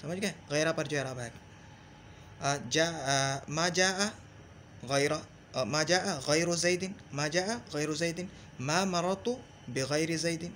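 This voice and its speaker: A man gives a patient grammar lesson, saying each example phrase over and over and pausing to check that the student follows. His voice sits a little high for a man. A faint hiss runs under the recording. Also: fairly bright tone. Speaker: Arabic grammar teacher. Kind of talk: explanatory lesson.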